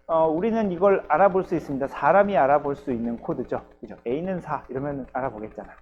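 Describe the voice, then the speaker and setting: Patient male lecturer, slightly high voice. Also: lo-fi sound. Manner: patient, explains step by step with frequent "ye" and "geujyo" check-ins. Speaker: university lecturer. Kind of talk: recorded programming lecture.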